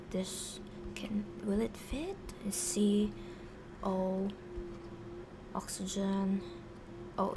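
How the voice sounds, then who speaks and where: A woman giving a casual livestream science lesson while writing, halting and muttering corrections to herself. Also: mid-range voice, gravelly, noisy background. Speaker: streamer teaching biochemistry.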